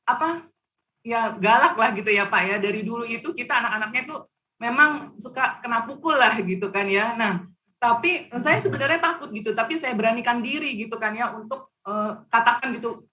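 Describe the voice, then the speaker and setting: A woman's voice: on the high side, sharp tone, recorded from a distance. A woman who is a guest on a talk show, earnestly telling a personal story. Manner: earnest, laughs between phrases.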